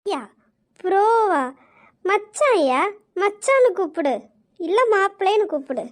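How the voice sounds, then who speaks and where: A doting old grandmother, played by a woman, with a high, light voice. She is affectionate and shy, and she gently scolds the grandchildren in a web drama. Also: big pitch swings, unhurried, exaggerated voice. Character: fond, teary old grandmother. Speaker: grandmother character.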